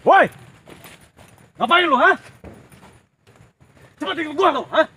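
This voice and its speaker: A man's voice: very high voice, animated, takes it slowly, slight background noise, exaggerated voice. A man with a Sundanese accent playing a bossy bullying thug who barks orders, in a comedy short film. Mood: menacing. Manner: shouting, barking orders. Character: bossy bullying male thug gang member.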